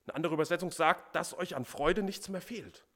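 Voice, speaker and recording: Emphatic male preacher, slightly high voice. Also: fairly quick, fairly bright tone. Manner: emphatic, repeats key words for stress. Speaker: pastor. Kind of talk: sermon.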